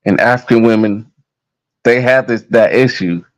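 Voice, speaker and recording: A man's voice: medium pitch, normal speed, poor audio. An American man in his thirties talking to his viewers in a casual, heated monologue, blunt and full of profanity. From United States. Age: 30s. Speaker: vlogger.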